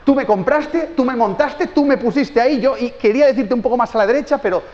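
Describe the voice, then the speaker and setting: A man's voice: extremely high pitch, fast, darkish tone, voice pushed up. A man from Spain voicing a talking table that complains it did nothing wrong, in a Spain Spanish accent. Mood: indignant. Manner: complaining, pleading innocence. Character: indignant talking table, male, self-justifying. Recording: dull sound in an echoing hall.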